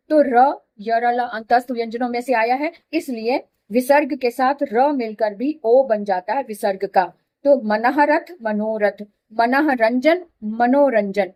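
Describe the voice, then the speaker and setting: A woman's voice: on the high side, darkish tone. A woman teaching Hindi grammar, explaining each rule step by step, repeating examples and checking that students follow. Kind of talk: classroom explanation.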